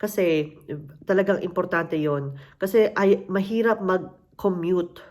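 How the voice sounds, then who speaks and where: A Filipino woman from the Philippines, speaking with a Filipino accent, shares her immigrant story as an interviewee in a lowish, darkish voice that is unhurried and fairly even. She is casual and conversational, slipping English phrases into her talk and acting out other people's voices.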